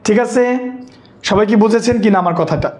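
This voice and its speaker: High-voiced male teacher, roomy sound. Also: brisk, darkish tone. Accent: Bangladeshi Bengali. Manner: keeps checking that students follow, repeats himself. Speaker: English teacher. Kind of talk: online exam-prep lesson.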